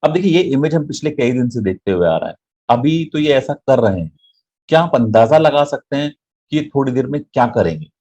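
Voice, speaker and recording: A man's voice: medium pitch, big pitch swings, brisk, warm tone, highs cut off. A man teaching an online English grammar lesson, explaining in Hindi mixed with English and often checking "right?" with his viewers.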